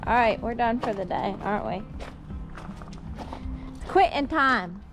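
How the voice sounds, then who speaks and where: A woman chatting casually while working on a boat in a shop, playful and quick to laugh. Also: a little high, lively intonation, over music. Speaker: vlogger. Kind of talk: casual vlog chat.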